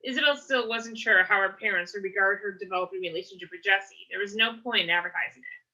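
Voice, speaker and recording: Steady female reader narrating a novel aloud; bright, mid-pitched voice. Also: fast, poor audio. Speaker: book reader.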